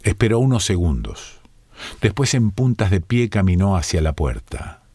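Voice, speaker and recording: A man with a Rioplatense Spanish accent narrating an audiobook in a calm, measured way. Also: deep voice, husky, no echo.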